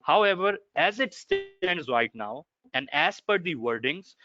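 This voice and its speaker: A man with a Pakistani accent explaining law in an online question session, emphatic and deliberate. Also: a little high, animated, music in the background. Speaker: seminar speaker answering legal questions. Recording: dry, slightly dull online audio.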